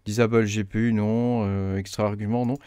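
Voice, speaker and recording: Hesitant man explaining software. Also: fairly low pitch, flat delivery, normal speed, smooth, no room sound, studio quality. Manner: hesitant, many fillers, thinks aloud while clicking. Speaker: crypto mining tutorial host. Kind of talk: casual screen-recorded tutorial.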